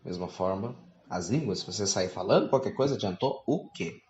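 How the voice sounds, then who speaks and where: Lively preacher asking questions. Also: male voice, on the low side, fairly quick, reverberant, muffled recording. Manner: rhetorical questions, reads scripture aloud. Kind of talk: teaching sermon.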